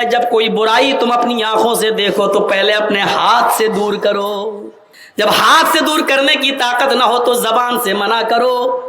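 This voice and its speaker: A male preacher delivering an impassioned sermon at a religious gathering, often breaking into shouts. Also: very high-pitched, roomy sound.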